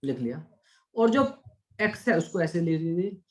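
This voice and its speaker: A man's voice: fairly high pitch, lively intonation, normal speed. A man teaching an online maths class, chatty and coaxing, asking questions and answering them himself for his students. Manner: coaxing, calls students "beta".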